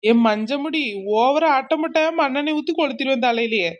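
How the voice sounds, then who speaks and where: A woman voicing a loud, meddling village neighbor, blunt and taunting. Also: sits high, brisk, dull audio, close to an everyday voice.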